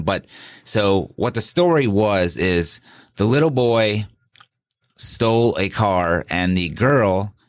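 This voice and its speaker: A middle-aged man with a lowish voice talks in a loose, rambling way, often stopping to restart or correct himself. The sound is dry and close, with no room around it. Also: no echo. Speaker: guest, sheriff candidate. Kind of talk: casual interview talk.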